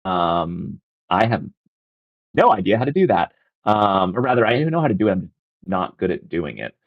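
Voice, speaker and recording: A man with a very deep voice co-hosting a casual talk stream. He thinks out loud, hedging and restarting often. The sound is dull and lo-fi. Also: very animated, normal speed, gravelly. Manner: hesitant, full of "I mean" and restarts. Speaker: podcast co-host.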